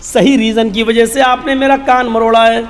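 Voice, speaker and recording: A man's voice: very high voice, little pitch movement, faint music behind, pitched below the performer's own voice. A man voicing a humble, deferential male servant who pleads earnestly, retold in a sermon with long hall reverb. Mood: pleading.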